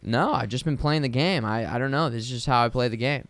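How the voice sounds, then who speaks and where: A man's voice: mid-range voice, fast talker, a bit bright. Chatty man laughing as he talks. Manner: laughing, rambling with restarts. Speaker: podcast co-host. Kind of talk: casual chat.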